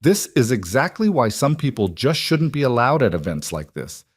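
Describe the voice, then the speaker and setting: A man's voice: medium pitch, very animated, normal speed, slightly rough, no room sound, clean studio sound, voice pushed up. A man voicing a scheming, spiteful young woman who mocks with false concern, in a dramatized audiobook story. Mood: scornful. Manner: falsely concerned, mocking, scornful.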